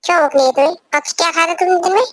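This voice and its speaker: A woman's voice: very high voice, fairly even intonation, racing, dry recording. A young woman voicing a possessive, domineering young husband who gives orders in an amateur fan dub. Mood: bossy. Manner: commanding, repeats orders.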